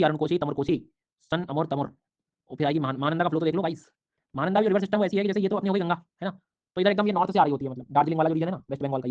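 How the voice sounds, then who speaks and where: A man's voice: on the high side, muffled recording. A man teaching a live online geography class, drilling names over and over and teasing sleepy students. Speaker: online exam-prep teacher.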